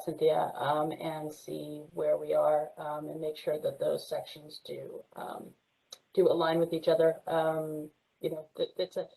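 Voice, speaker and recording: Woman with barely any voice left, hoarse and gravelly, low and mellow, reassuring. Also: low-quality recording. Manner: apologetic, reassuring. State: hoarse, losing her voice.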